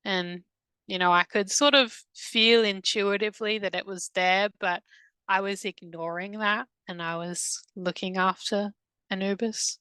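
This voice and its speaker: A woman recounting a past-life regression under hypnosis, halting and hesitant, with many restarts, in a soft, subdued voice. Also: medium pitch, fairly even intonation, smooth, dry recording, poor audio. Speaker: hypnosis client.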